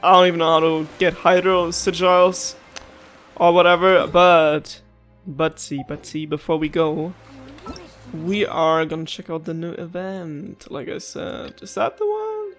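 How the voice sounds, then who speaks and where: A man's voice: on the high side, a little slow, fairly bright tone, faint music behind. Chatty man rambling over gameplay. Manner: rambling, chatty, easily sidetracked. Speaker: gameplay video host. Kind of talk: casual gameplay commentary.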